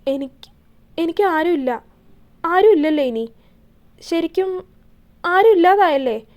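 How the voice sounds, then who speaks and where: A woman voicing a grieving young wife in a romance audio story, halting and repeating words as she cries. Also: very high voice, lively intonation. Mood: tearful.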